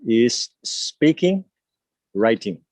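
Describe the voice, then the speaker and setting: An older Thai man hosts a casual live video chat from his home, sitting by a window with plants. He speaks haltingly with many fillers, gesturing as he talks, in a mid-range, very animated, somewhat dark voice. The recording is dry, picked up by an earphone mic on a video call.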